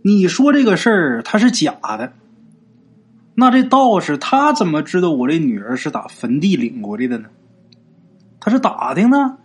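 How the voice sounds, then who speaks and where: A doting, quick-tempered wife who stammers when she hesitates and bristles when crossed, played by a man in a storytelling performance. The voice is husky and rides lively swings of pitch. It sits a little high for a man. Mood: doubtful.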